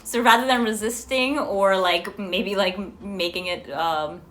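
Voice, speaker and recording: Co-hosting a livestream, this Paisa-accented Colombian woman chats casually and effusively with her live viewers, giggling often. She speaks at a measured pace in a mid-range voice that's a bit bright, over noisy stream audio.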